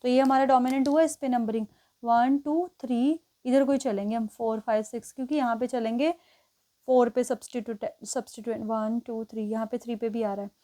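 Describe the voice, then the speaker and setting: High-voiced woman teaching chemistry. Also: steady tone, brisk, warm tone. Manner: explains step by step, counts positions aloud, often checks with "ठीक है". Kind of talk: exam-prep lesson at a board.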